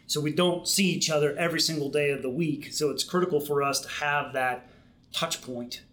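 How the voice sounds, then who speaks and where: A middle-aged man, a military program manager, explaining his work in a podcast interview with measured speech and frequent restarts. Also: a little high, fairly even intonation, a bit bright. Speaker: Marine Corps program manager, guest.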